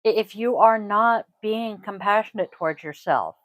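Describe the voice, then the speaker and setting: A woman's voice: mid-range voice, moderate pace, dry recording, highs cut off. A middle-aged woman hosting a podcast in casual chat, chatty, laughing often and swearing casually. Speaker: podcast host, yoga teacher.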